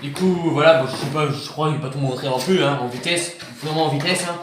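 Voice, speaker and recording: Talking fast in a highish voice, a man hosts a video where he unboxes things he bought, chatting loosely, cracking jokes and saying things more than once. Faint noise and room echo are audible.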